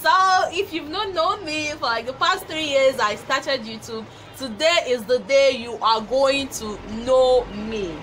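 A woman's voice: high voice, measured pace, hardly any pauses, fairly bright tone, a little hiss or hum. A young Nigerian woman with a Nigerian accent, hosting her vlog in giggly casual chat. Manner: giggly, chatty. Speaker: YouTuber host. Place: small indoor room before a patterned cloth. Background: music.

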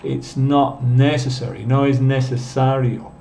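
A man's voice: medium pitch, flat delivery, slow, vocal fry, dark tone, a little hiss or hum. A man teaching a live online class, patiently explaining step by step and reading out viewer comments. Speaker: English teacher.

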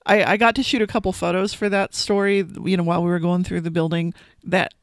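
Gravelly-voiced chatty woman podcaster. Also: on the low side, level tone, fast, no echo, clean studio sound. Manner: chatty, enthusiastic, laughs easily. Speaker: newsroom podcast co-host. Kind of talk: casual newsroom chat. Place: studio.

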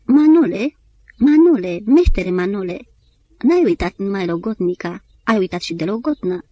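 A woman narrator voicing a sad young woman who speaks softly and urges him along. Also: mid-range voice, expressive, no room sound, highs cut off, close to an everyday voice. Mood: wistful. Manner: soft, pleading.

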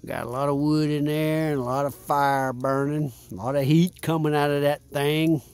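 A man's voice: a little high, steady tone, moderate pace, a little mellow, smooth. A man hosting a casual outdoor beer review by a fire, rambling and repeating himself in a laid-back way. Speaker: vlog host.

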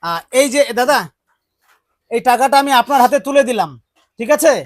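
A man from West Bengal hosting a charity vlog, calming someone with repeated gentle urging. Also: very high-pitched, normal speed, no room sound. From West Bengal, India. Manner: soothing, repetitive coaxing. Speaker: charity vlogger. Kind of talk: casual vlog talk.

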